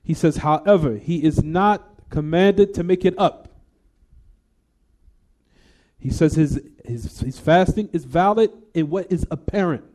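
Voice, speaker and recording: An Islamic teacher with a fairly high, slightly mellow voice speaks at a normal pace with hardly any pauses. He reads quoted text aloud and then explains it, often putting rhetorical "what?" questions to the class. He moves between English and recited Arabic during the religious lesson.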